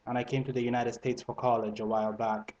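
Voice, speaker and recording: A man raised in Italy speaks English with a blended Italian and French accent. He gives casual, meandering relationship advice to the camera, full of fillers and self-corrections, at a medium pitch. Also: flat delivery, fast, darkish tone, dull audio. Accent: multilingual, Italian and French mixed into English. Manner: conversational, frequent fillers and restarts. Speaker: vlogger.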